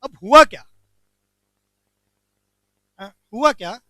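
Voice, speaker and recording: A man teaching a commerce lecture, animated, asking the class questions and answering them himself. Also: very high-pitched, slow, dry recording.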